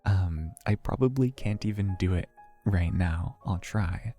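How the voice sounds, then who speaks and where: A young man talks casually to his livestream chat in an unhurried, low voice. His tone is dark and mellow, and he rambles through a story at an easy pace. Faint background music plays under him. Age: young adult. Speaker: VTuber streamer.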